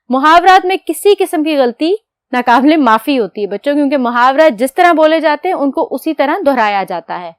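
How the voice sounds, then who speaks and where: Woman, teacher, high voice, patient step-by-step explaining, slow dictation, dry close sound. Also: no echo. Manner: patient, explains step by step, asks questions and answers them; dictates slowly while writing. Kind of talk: classroom lecture to children.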